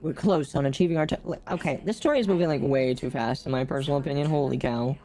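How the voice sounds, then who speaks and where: A woman's voice: low voice, quick pace, mellow, soft background music. A woman streamer chatting casually while she plays a game, her voice run through a robotic voice changer that makes it sound metallic. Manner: chatty, amused running commentary. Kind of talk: casual live-stream chat while gaming.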